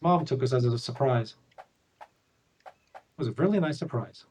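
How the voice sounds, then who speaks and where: A man in his thirties making halting, casual chat during a game stream, recorded on a distant mic. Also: mid-range voice, a little mellow, slight background noise. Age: 30s.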